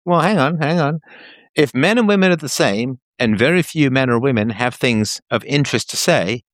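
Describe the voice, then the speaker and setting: A male host interviews a caller closely, pressing with logical follow-ups in a probing conversational exchange. His mid-range voice has lively intonation and a moderate pace, captured in a dry, clean studio recording.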